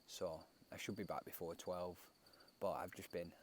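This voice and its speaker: A cycling vlogger with a low voice and flat delivery narrates a night bike ride at normal speed, rambling casually with lots of fillers. It's a windy outdoor phone recording with wind noise in the background.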